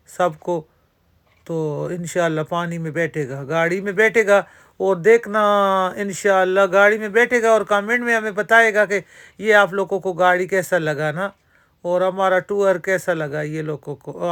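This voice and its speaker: A woman's voice: on the low side, smooth. A woman vlogger talks casually into a handheld phone at an outdoor amusement park. She chats straight to her viewers and keeps dropping religious phrases into her talk. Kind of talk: casual vlog narration.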